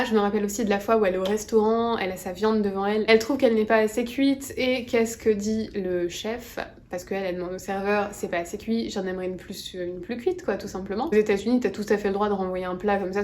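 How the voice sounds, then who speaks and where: A woman's voice: medium pitch, a little mellow. French woman vlogging, chatty, rambly, keeps fixing her words. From France. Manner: chatty, rambling, self-correcting. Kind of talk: casual vlog chat.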